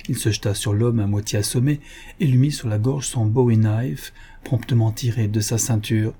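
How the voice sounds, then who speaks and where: A man reading an adventure novel aloud in a steady, measured narration. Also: fairly low pitch, slightly rough. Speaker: audiobook narrator. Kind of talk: scripted narration.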